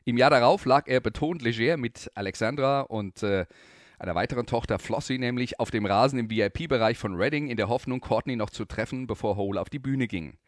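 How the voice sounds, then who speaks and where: Calm male radio host, dry sound. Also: medium pitch, no echo. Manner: calm, measured storytelling. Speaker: radio music show host. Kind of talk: scripted radio narration between songs.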